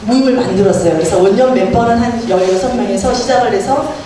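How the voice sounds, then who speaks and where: A middle-aged woman with a Gangwon Korean dialect speaks as a guest at a community meeting room gathering, chatting about a local club and telling her story with many fillers. Her mid-range voice is mellow and quick. The recording is echoey, distant, and noisy.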